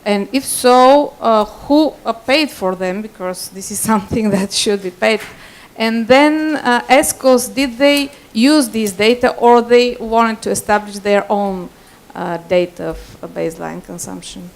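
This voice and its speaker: A woman from Bulgaria asks the panel a question from the audience, careful and pausing often. Her voice sits somewhat high. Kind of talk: asking a question at a conference.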